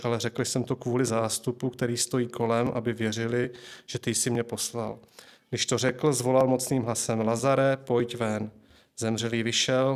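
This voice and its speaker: A man preaching a sermon, reading scripture aloud in a measured, slow way and then sharing an earnest personal testimony. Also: medium pitch.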